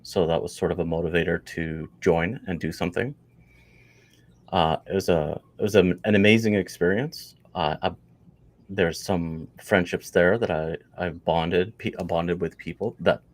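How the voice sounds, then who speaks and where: A man's voice: low voice, fairly even intonation, normal speed. A Canadian man in his forties, a podcast guest, telling his story in a loose, rambling way full of fillers and restarts. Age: 40s. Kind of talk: casual interview chat.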